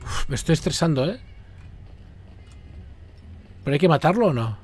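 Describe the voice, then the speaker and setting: A man giving excitable live commentary while playing a video game, often swearing and reacting loudly. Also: on the high side, normal speed, husky.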